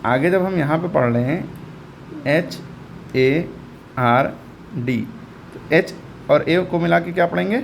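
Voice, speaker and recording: Man, English reading teacher, patient, repeats sounds, fairly high voice, faint hiss behind. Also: takes it slowly, creaky, pauses often. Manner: patient, repeats each sound and quizzes the learner. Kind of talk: step-by-step phonics lesson.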